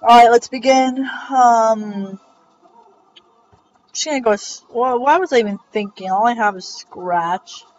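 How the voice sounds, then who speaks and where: A woman's voice: fairly high pitch, measured pace, a little hiss or hum. Rambling young woman doing gameplay commentary. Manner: rambling, self-correcting, jokey. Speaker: let's play host. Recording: dull lo-fi recording with faint music.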